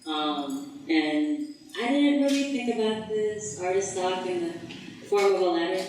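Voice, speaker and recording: A young woman from the Philippines giving a casual artist talk, chatty and relaxed, with many fillers. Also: low-pitched, a little hiss or hum. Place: gallery event space. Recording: echoey room, heard from far off.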